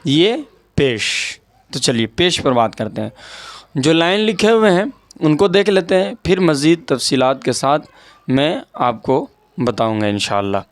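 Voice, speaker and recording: A man teaching Urdu grammar. His voice sits a little higher than most men's, and he goes over each point patiently, repeating key words and checking in with the listener. The recording is dry and close, with no room sound. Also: expressive, no echo. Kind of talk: explaining a lesson over an on-screen document.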